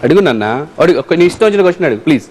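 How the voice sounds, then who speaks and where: A man's voice: fairly high pitch, sing-song, very fast, a little mellow, slight background noise. A man hosting a children's quiz show, playfully teasing and coaxing a young contestant, often repeating himself. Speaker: game show host.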